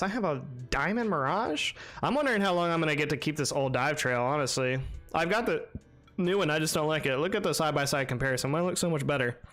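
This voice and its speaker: A man's voice: on the high side, a bit bright. A young man streaming a game live, chatting casually and rambling with lots of fillers while answering his chat.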